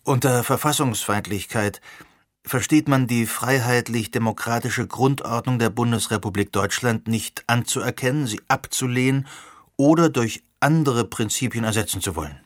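A man doing a calm lecturing teacher. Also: mid-range voice, normal speed, no echo, studio quality, lightly acted. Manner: composed, lecturing. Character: calm lecturing male teacher, middle-aged.

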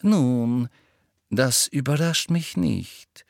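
A man voicing a cold, sneering male teacher who speaks in a smooth, sardonic drawl. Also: mid-range voice, expressive, very slow, darkish tone, no echo, studio quality, exaggerated voice.

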